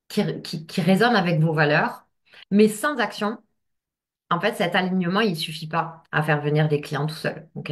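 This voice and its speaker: A woman giving a casual coaching talk to camera as a business coach, speaking straight to the listener and checking in often. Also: lowish voice.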